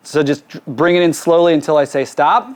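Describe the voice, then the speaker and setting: In a recording studio with a drum kit and PA, a music producer gives a casual hands-on mixing demonstration, directing his crew informally. His voice is a little high and a little fast, with fairly even intonation. There's slight background noise.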